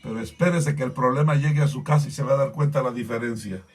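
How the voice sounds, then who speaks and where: A man preaching a sermon as a pastor, impassioned and rising to shouts, repeatedly urging his listeners to pay attention. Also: mid-range voice, fast, slightly rough, faint music behind.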